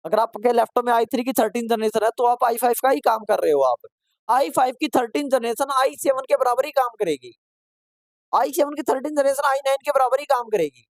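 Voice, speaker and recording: A man teaching a computer course in a live online class. He asks questions and answers them himself, repeats points, urges students to answer quickly and gently scolds and encourages them. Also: extremely high pitch, dry recording.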